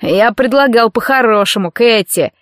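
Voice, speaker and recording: A woman's voice: on the high side, normal speed, dry recording, clean studio sound, close to an everyday voice. A woman voicing a brutal, jealous young male football player who growls and sneers. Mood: menacing.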